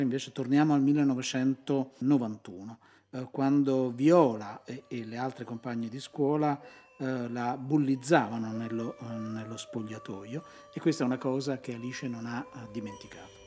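A man's voice: medium pitch, steady tone, normal speed, mellow, soft background music. A man hosting a radio film show, introducing film clips with a few hesitations. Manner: explanatory, with hesitations.

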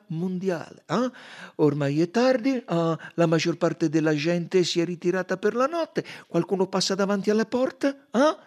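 A man's voice: high-pitched, voice pushed up, heavily acted. A man reading an audiobook, voicing a fussy, probing older male detective who questions in a coaxing, insistent way.

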